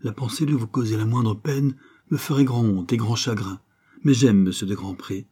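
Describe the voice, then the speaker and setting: A man's voice: on the low side, normal speed, dark tone, husky. A man voicing a sincere young woman of twenty-one in an audiobook of a novel, speaking firmly and from the heart. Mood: earnest. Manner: firm, heartfelt and earnest.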